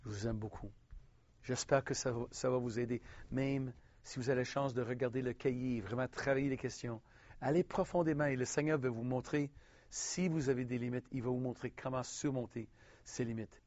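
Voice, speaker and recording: A man from Quebec with a Québécois French accent, preaching a personal testimony in an earnest, halting way with frequent restarts. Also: mid-range voice, fairly even intonation, darkish tone, no room sound, highs cut off.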